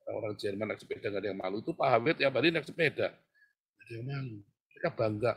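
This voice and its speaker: Seorang pria paruh baya berkhotbah kepada jemaat, berganti-ganti antara doa lirih dan seruan lantang, sering tertawa. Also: male voice, fairly low pitch, fast talker. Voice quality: husky. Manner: animated, swings from hushed prayer to loud exhortation; laughs often, addresses congregation as "Saudara". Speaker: preacher. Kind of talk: sermon.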